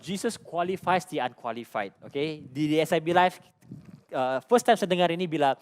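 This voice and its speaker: A man's voice: a little high, lively intonation, normal speed. A middle-aged man with a Malaysian accent preaching a sermon as lead pastor, conversational and full of personal stories, often asking the congregation questions. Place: church stage.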